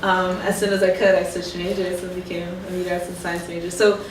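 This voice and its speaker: An alumna on a career panel in a lecture room gives casual, chatty advice packed with fillers. Her voice is lowish, fairly quick and flat in pitch, picked up by a distant mic in an echoey room with background noise.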